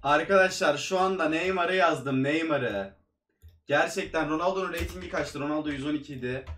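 Excitable man, high voice, echoey room. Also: a little fast, slight background noise. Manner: excitable, swings from pleading shouts to grumbling; addresses viewers as friends, says "abi" often. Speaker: gaming YouTuber. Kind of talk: casual gaming commentary.

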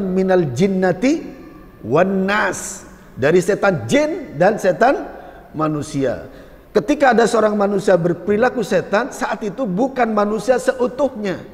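Preacher, male, high voice, playful and animated delivery, long reverb of a hall. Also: a little hiss or hum. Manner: lively, joking, acts out little dialogues. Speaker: Islamic preacher. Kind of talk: religious lecture.

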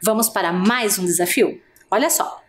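A woman's voice: medium pitch, moderate pace, a little hiss or hum. A woman teacher giving an adult literacy lesson, speaking patiently and stretching out each vowel sound.

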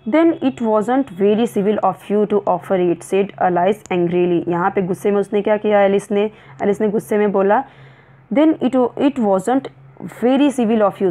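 A woman teacher, reading English lines slowly and then explaining them in Hindi. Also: medium pitch, warm tone, dull audio.

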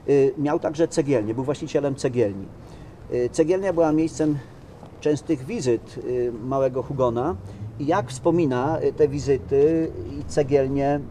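A man in his fifties explaining local history to pupils out in a town, often pausing mid-sentence. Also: mid-range voice, mellow. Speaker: teacher guiding a group of pupils. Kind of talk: explaining to students on location. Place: outdoors in a town. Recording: faint street noise outdoors.

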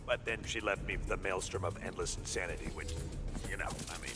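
An actor playing a boisterous, brash barbarian bard in a video game, with loud, dramatic outbursts and game music behind him. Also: male voice, low-pitched, brisk, close to an everyday voice. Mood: boastful.

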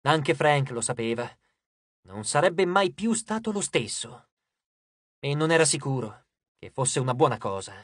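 An expressive audiobook reader telling a fantasy adventure in a measured, storytelling cadence. The voice sits in the middle of the range and is recorded close and dry, with no room sound. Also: medium pitch, slightly rough, no room sound. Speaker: audiobook narrator. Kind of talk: scripted audiobook narration.

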